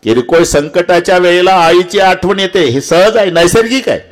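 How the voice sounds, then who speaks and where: A man preaching a devotional kirtan sermon, swinging from low murmurs to high impassioned cries and asking the audience direct rhetorical questions. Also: normal speed.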